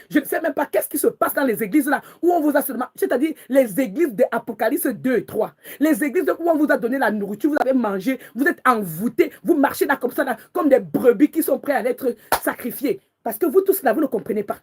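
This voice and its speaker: A woman's voice: high-pitched, animated, fairly quick, few pauses, a little mellow, breathy edge. A woman prophetess preaching with passion and anger, crying out to God in prayer and repeating her words again and again. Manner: angry, repetitive, calls out to God.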